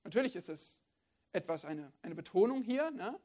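A woman's voice: mid-range voice, big pitch swings, moderate pace, warm tone. Woman preaching in a chatty, questioning way. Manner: conversational, addresses listeners directly with rhetorical questions. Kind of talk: sermon.

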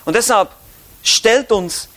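A man preaching a Bible teaching with a Swiss German accent, speaking emphatically with rising stresses and low drops. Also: slow, fairly bright tone. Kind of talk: sermon-style Bible teaching.

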